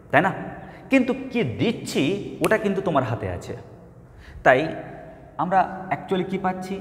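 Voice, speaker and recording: A man's voice: sits high, echoey room, long reverb tail. A man tutoring math, lecturing and often checking if students follow, repeating words for emphasis. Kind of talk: classroom lecture.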